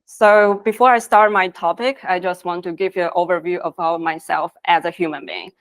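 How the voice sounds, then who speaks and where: Here a design lead from Taiwan talks briskly from a conference stage, her voice on the low side and her intonation fairly even. She comes across as earnest, and her phrasing is that of a non-native speaker.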